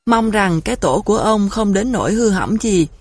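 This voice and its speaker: A woman's voice: mid-range voice, animated, normal speed, breathy edge. A woman voicing a polite wild goose leader. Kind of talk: storybook narration.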